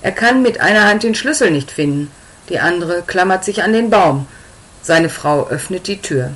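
Low-voiced woman reading a story. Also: moderate pace, rough recording. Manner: calm, even reading. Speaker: narrator.

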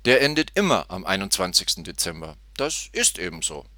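A man's voice: low voice, sing-song, brisk, bright, forceful tone, dry recording, full character voice. Man voicing Anton, an easygoing bench drinker. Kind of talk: storybook reading.

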